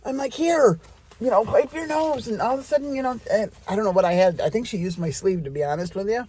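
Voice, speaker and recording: A woman's voice: mid-range voice, animated, very fast, warm tone, husky. A middle-aged woman telling a rambling personal story in a chatty way, talking straight to her audience.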